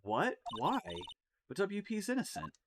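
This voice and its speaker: A man's voice: high voice, wildly swooping pitch, unhurried, background noise, voice pushed up, heavily acted. A man reading aloud the lines of a startled young male defense lawyer from a game, in his own plain voice. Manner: reads dialogue aloud with surprised outbursts.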